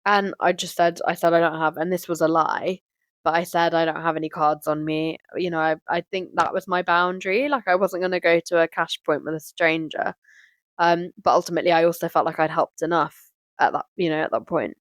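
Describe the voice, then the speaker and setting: A woman's voice: fairly low pitch, fairly even intonation, a little fast, no echo. Young woman rambling through a story on a live stream, loads of "like", dry close sound. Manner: chatty, lots of "like" and "you know" fillers. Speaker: host of a live community session. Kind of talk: casual storytelling to a live audience.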